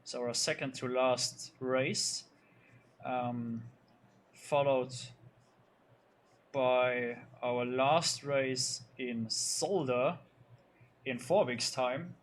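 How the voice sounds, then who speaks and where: A man's voice: medium pitch, steady tone, drawn-out words, long pauses, slight background noise. A man commentating a sim racing league, loosely going over the results with many fillers and restarts. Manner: loose, hesitant, lots of fillers. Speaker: race commentator.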